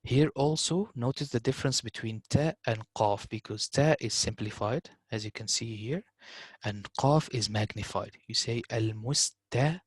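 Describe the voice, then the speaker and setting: A man's voice: medium pitch, breathy edge, no echo. Man teaching Quran recitation, dry close sound. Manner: explains slowly, repeating words in Arabic recitation. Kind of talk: online tajweed lesson.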